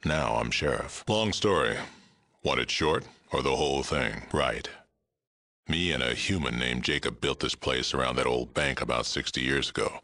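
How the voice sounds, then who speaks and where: A gruff, aging super mutant sheriff speaks video game character dialogue in a very deep, gravelly, rumbling voice, world-weary but fair-minded. It's a full male character voice, pushed and bright, with a challenging mood. His delivery is blunt, terse, and dry.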